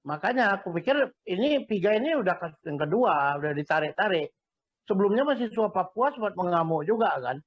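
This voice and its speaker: A man's voice: sits high, big pitch swings, a little fast, muffled recording. A man joining a casual discussion, chatty and wry.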